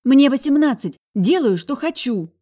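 Woman narrator playing a bratty teen girl, high-pitched, loud, indignant, storybook audiobook. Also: expressive, normal speed. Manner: shrill, indignant, pushing back. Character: bratty defiant young woman, hot-tempered.

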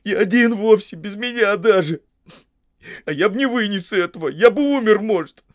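A man's voice: high-pitched, animated, moderate pace, no echo, clean studio sound, pitched above the performer's own voice. A man voicing a young, loyal male hobbit servant who talks in a tearful, pleading, folksy way in an audiobook. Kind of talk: audiobook character voice.

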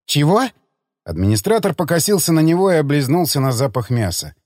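A man narrating an audiobook in an expressive way, reading all the parts himself. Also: fairly high pitch, fast, no echo, studio quality.

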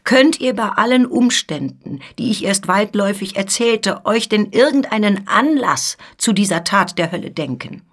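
A woman's voice: mid-range voice, animated, moderate pace, few pauses, natural voice. A woman reading as an indignant, pleading noblewoman. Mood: astonished. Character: older noblewoman, upright and shocked.

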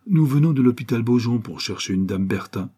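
A man reading the part of a brisk male hospital orderly. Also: medium pitch, expressive, dark tone, husky.

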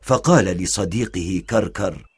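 Low-voiced man narrating a children's story. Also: breathy edge. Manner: measured, expressive storytelling.

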